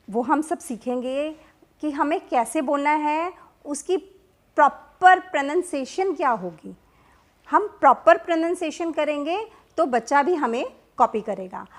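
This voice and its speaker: A woman with a high, light voice leads a patient home-teaching lesson. She works through it at an unhurried pace, repeating each model sentence and mixing Hindi with English words. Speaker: YouTube teacher.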